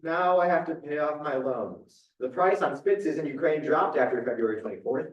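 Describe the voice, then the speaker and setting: A man's voice: fairly high pitch, lively intonation, moderate pace, highs cut off. Businesslike man reading a play. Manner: matter-of-fact, businesslike. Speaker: actor in a staged reading, playing a dog trader with Canadian citizenship. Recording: echoey room, distant mic.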